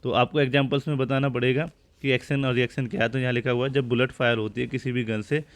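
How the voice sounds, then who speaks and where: A man's voice: mid-range voice, little pitch movement, quick pace. A male teacher giving a physics lecture in a conversational classroom style, asking questions and answering them himself. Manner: explains step by step, asks and answers his own questions.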